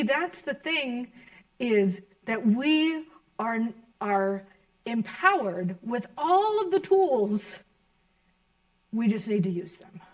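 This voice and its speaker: A woman minister preaches in a fairly high voice. Her delivery is earnest and reflective, and she gently encourages her listeners as the sermon unfolds in a church gathering. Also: rough recording.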